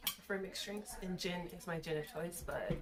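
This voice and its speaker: A woman with a slightly low voice hosts a casual eating and cooking video. She is tipsy from shots and talks to the camera in loose slang, swearing freely as she goes. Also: fairly even intonation, moderate pace, music in the background. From Caribbean background. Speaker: mukbang and drunk-cooking video host.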